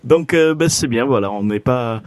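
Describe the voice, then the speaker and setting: A man's voice: mid-range voice, lively intonation, moderate pace, no echo. A man hosting a casual radio show about films, talking with many fillers and light jokes. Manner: hesitant, full of fillers, joking.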